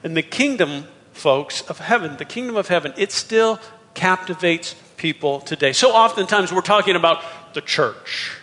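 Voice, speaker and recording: Bright-voiced pastor in a reverberant hall. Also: male voice, sits high, expressive, moderate pace. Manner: conversational, with frequent restarts. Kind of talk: sermon. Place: church sanctuary.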